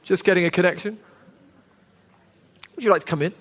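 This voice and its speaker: A man with a fairly high voice works as an auctioneer, calling bids to a saleroom. He repeats each figure and politely coaxes bidders for one more. His voice rings with the long reverb of a big hall. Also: fairly quick, fairly bright tone. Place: large indoor auction saleroom.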